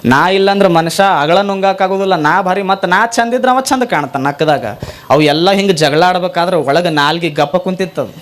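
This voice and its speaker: A high-pitched man preaches a sermon in a North Karnataka accent. He tells folksy stories, acts out the dialogue of the people in them and chants devotional verses in a slower, measured cadence. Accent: North Karnataka Kannada. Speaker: monk preacher.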